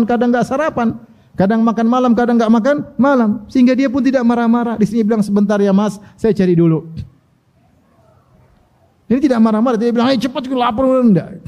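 A man's voice: high-pitched, mellow. A middle-aged man giving an Islamic study lecture, reciting Arabic passages, translating them and telling the story with questions to his listeners. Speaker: Islamic preacher.

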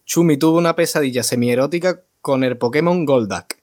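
A man's voice: on the high side, fairly quick, a little mellow. Laid-back man hosting a chat. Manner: leads the segment, laughs often. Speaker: podcast host. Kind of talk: casual chat among friends.

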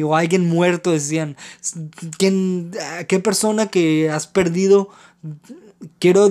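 A man's voice: on the high side, darkish tone. A man with a Mexican accent telling a personal story on a podcast in a rambling, slangy way, with many fillers. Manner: rambling and slangy, lots of filler words and restarts. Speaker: podcast host. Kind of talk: casual anecdotal storytelling.

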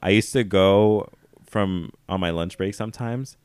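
A man's voice: fairly low pitch, measured pace, a little mellow, clean tone, dry recording. A man co-hosting a podcast in casual chat, telling stories in a brash, profane way and laughing often. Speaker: podcast co-host.

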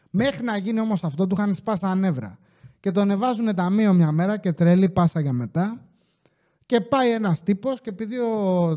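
The podcast host here is a man whose voice sits high. He tells humorous stories in a relaxed, animated style, performing the customers' dialogue and swearing liberally.

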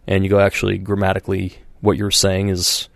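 A man hosting a podcast talks in a gravelly, fairly low voice, brisk and completely flat, wandering through casual chat with restarts, "like," "you know," and quoted voices. There's no room sound; the audio is dry and close.

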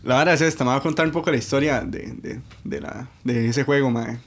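A man's voice: medium pitch, fairly quick, a little hiss or hum. A young man with a Costa Rican accent, telling a rambling story in casual chat and saying "mae" over and over. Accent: Costa Rican Spanish. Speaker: podcast co-host. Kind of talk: casual chat among friends.

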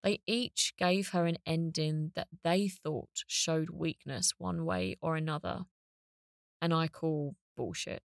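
A woman's voice: sits low, gravelly, no echo, clean studio sound. A woman podcast host delivering scripted narration. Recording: spoken over music.

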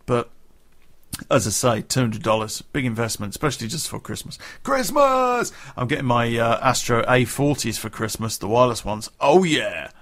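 A man's voice: mid-range voice, steady tone, brisk, fairly bright tone. A man vlogging to his viewers in a casual, rambling way. He swears freely and often restarts his sentences. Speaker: gaming vlogger.

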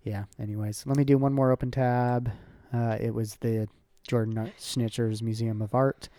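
A woman's voice: rumbling low, level tone, moderate pace, mellow, no echo, clean studio sound. A woman hosting a casual podcast chat, rambling with lots of ums. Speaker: podcast host.

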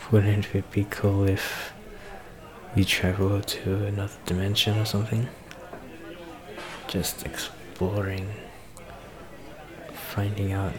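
In an ASMR roleplay, a man plays a shy male celebrity flirting with a stranger, his deep voice slow, hesitant and halting, punctuated by nervous soft laughs. The mood is chatty and earnest. The recording is rough, with a bar crowd chattering clearly behind him.

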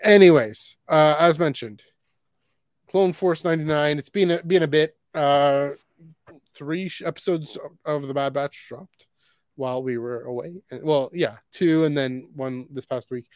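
A man's voice: on the high side, unhurried, no echo, clean studio sound. A man from Canada co-hosting a live podcast in casual chat, rambling through plugs and correcting himself as he goes. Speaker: podcast co-host.

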